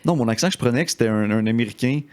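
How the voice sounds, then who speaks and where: A man with a Québécois accent, co-hosting a podcast, chiming in with jokes and quick reactions in casual chat. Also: mid-range voice, darkish tone. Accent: Québécois French. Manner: joking, quick reactive interjections. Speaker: podcast co-host.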